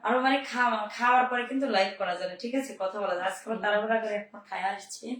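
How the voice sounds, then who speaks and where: Hoarse woman pitching clothes live. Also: very fast, fairly bright tone. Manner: upbeat, repetitive selling calls to viewers. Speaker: online clothing seller. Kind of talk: live-stream sales pitch. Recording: roomy, mic at a distance.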